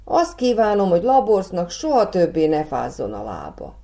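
A woman's voice: lowish voice, huge pitch swings, mellow, pitched above the performer's own voice. A woman voicing a joyful village brother in a storybook, exclaiming his wish. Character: cold-eared brother, joyful village man.

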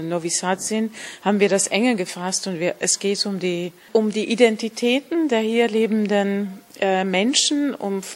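A woman university lecturer giving spontaneous interview answers, hesitant and searching for words. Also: medium pitch. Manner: hesitant, many fillers and restarts.

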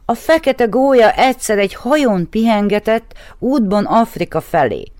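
A woman's voice: a little high, expressive, darkish tone, no echo, studio quality, voice pushed up, lightly acted. Storybook raven, grumpy and insistent, voiced by a woman. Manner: curt, insistent.

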